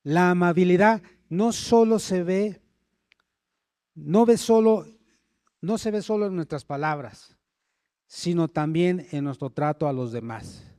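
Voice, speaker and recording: Male preacher, sermon style, voice on the high side, dry close sound. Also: a little slow, pauses often, a little mellow, smooth, no room sound. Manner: checks in with the congregation, calls for amens.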